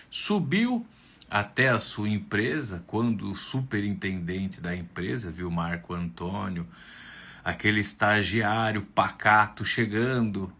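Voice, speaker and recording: Animated Brazilian man telling a story. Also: fairly low pitch. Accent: Brazilian Portuguese. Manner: animated, with tag questions and bursts of shouting. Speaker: camp storyteller. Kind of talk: oral storytelling.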